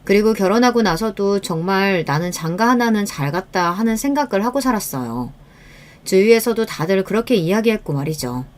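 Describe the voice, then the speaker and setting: A woman reads a scripted first-person story in the style of radio storytelling. Her delivery is calm and confiding, as if speaking straight to the listener. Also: medium pitch, fairly quick. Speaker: story narrator.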